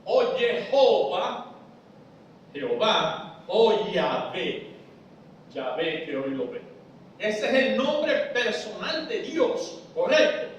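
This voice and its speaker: High-voiced preacher teaching, echoey hall. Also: male voice, sing-song, slow pace, pauses often, distant mic, highs cut off, slight background noise. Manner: explains step by step, asks the audience if they follow. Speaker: preacher teaching a Bible study. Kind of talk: church Bible study lesson. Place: church hall. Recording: echoey church hall, voice from afar.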